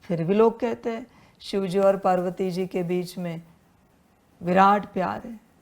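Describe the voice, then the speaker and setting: A woman's voice: medium pitch, steady tone, a little slow. A woman giving a devotional sermon as a spiritual teacher, admonishing her listeners as children with repeated refrains and rhetorical questions.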